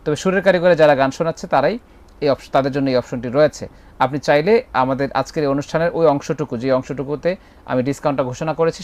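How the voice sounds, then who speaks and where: A man hosting a live call-in music show, friendly and gently correcting callers. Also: on the high side.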